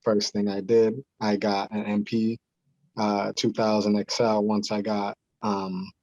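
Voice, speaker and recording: Low, flat-voiced beat maker. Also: male voice, no room sound, dull audio. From Boston area. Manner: rambling, halting, slangy and profane. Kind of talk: casual interview.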